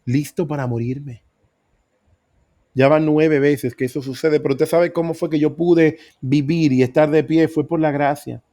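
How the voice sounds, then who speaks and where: A man's voice: on the high side, fairly even intonation, a little slow, dark tone. A middle-aged man preaching, telling his own story with earnest emphasis. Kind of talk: sermon testimony.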